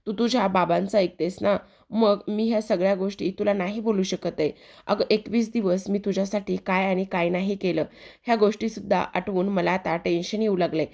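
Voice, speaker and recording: A woman's voice: medium pitch, steady tone, a little fast, vocal fry, a little mellow, natural voice. Hurt young husband, read by a woman. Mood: reproachful. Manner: reproachful.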